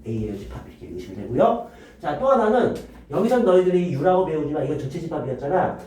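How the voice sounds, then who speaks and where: Animated male math teacher in echoey room. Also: a little high, quick pace, far from the mic. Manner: lively, quizzing students with rhetorical questions. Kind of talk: classroom lecture.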